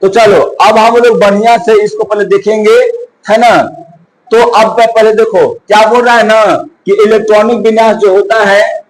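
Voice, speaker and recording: A man's voice: sits high, fairly even intonation, normal speed, poor audio. A male coaching teacher, giving a chemistry lesson, asking and answering his own questions and counting aloud.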